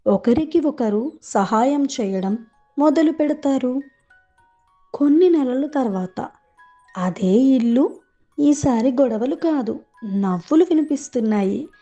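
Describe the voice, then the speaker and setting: A woman narrates a storybook tale slowly and earnestly. Her voice sits a little high yet sounds mellow and soft. The recording is dull and lo-fi, with light music underneath.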